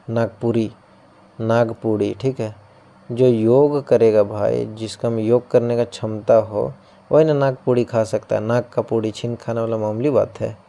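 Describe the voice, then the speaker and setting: A man's voice: on the low side, gravelly, dark tone. A man teaching an exam-prep class, explaining through playful memory tricks and often checking in with his students. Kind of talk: coaching-class lesson.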